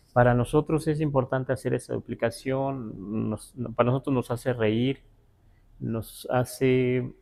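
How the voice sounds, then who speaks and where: A man with a Mexican Spanish accent teaching a language class, halting with many fillers and spelling words out syllable by syllable. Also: mid-range voice, gravelly, darkish tone. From Huasteca, Mexico. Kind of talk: live class explanation.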